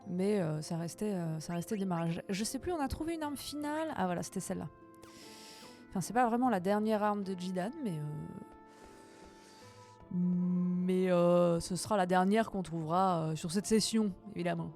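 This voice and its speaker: A woman's voice: on the low side, mellow. Chatty woman streaming a game from home, kinda tired voice, laughs a lot, faint music behind. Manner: playful, chatty, quick to laugh. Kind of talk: casual live-stream chat while gaming.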